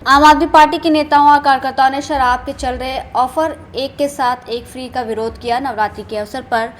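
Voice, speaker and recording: High-voiced woman reading news voice-over. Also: steady tone, normal speed. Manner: crisp scripted news reading. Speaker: news narrator.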